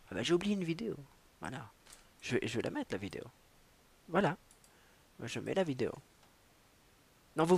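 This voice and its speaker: A man's voice: mid-range voice, slightly rough. A man hosting a solo livestream, rambling and self-mocking with stammering restarts and bits of playful English. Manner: drops in playful mock English. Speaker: livestream host. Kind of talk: casual solo livestream chat.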